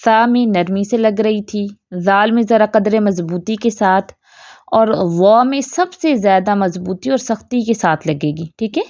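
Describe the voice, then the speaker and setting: A woman teaching a lesson on how to pronounce recited Arabic letters. She explains patiently and repeats each sound slowly. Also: mid-range voice, a little mellow, no room sound. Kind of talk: tajweed lesson with recited examples. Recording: dull lo-fi dry recording.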